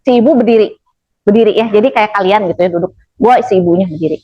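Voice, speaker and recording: A woman's voice: mid-range voice, fast, lo-fi sound. A woman telling a story to a group in casual with a tinge, blunt and chatty, acting out what people said and laughing along. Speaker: storyteller addressing an audience.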